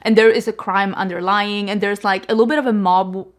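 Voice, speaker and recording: A young woman from Sweden, a first-language Swedish speaker, reviews books casually to camera in a brisk, mid-range voice with fairly even intonation. She's chatty, using many fillers and "like," and frequently restarts or corrects herself.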